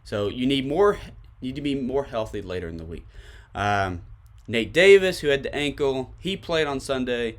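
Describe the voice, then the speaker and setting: A man's voice: mid-range voice, expressive, moderate pace. A man with a Tennessee accent hosting a sports podcast, giving emphatic commentary to his listeners and repeating his points for stress.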